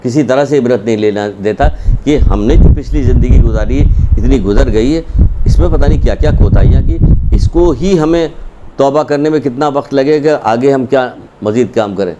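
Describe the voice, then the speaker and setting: A man from Pakistan giving a sermon as a religious speaker, urging his listeners and asking rhetorical questions. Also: mid-range voice. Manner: exhortative, asks rhetorical questions. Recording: dull lo-fi recording with clear noise.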